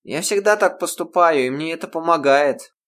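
A man voicing a self-assured teenage schoolgirl in an audiobook, giving blunt advice in a raised, brisk voice. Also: on the high side, fairly bright tone, pitched above the performer's own voice, natural voice. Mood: lecturing. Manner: lecturing, brisk, matter-of-fact.

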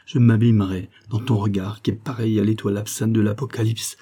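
A man's voice: on the low side, level tone, a little fast, dark tone, breathy edge. A man voicing an imperious, passionate young French princess in a storybook reading, commanding and fervent. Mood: rapturous. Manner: commanding, then fervent and rapturous.

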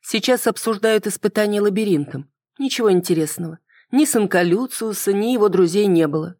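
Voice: mid-range voice, a little fast, a little mellow, no room sound, clean studio sound, pitched above the performer's own voice, natural voice. A reader voicing a sarcastic young woman in an audiobook, with teasing, exasperated questions. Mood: bored. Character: sharp young woman, sarcastic academy curator. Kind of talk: audiobook dialogue.

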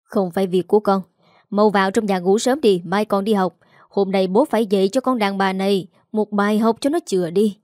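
Woman playing a gruff domineering husband. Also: medium pitch, steady tone, brisk, a little mellow, no echo, studio quality, close to an everyday voice. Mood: stern. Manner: harsh, domineering. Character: angry violent middle-aged husband, gruff.

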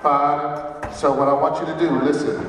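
A man's voice: a little high, level tone, moderate pace, background noise. A man directing a stage rehearsal, giving blocking instructions and calling counts in a commanding manner. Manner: directive, calls counts and cues. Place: large stage hall. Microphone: far camera. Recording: echoey hall from far off.

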